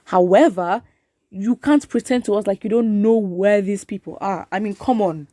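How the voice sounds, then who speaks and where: In a mid-range, dark-toned voice at a moderate pace, a woman host reads viewer comments aloud during exasperated, opinionated news commentary. She leans on emphatic repetition and rhetorical questions. There's no room sound.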